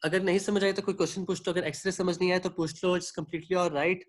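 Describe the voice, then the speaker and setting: A man's voice: sits high, level tone, a little fast. A man teaching an online medical class, explaining at length and checking in often with his students. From Pakistan. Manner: explanatory, checks in often with "theek hai", asks students for questions; clears his throat now and then. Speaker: medical lecturer. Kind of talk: online lecture mixing Hindi-Urdu and English.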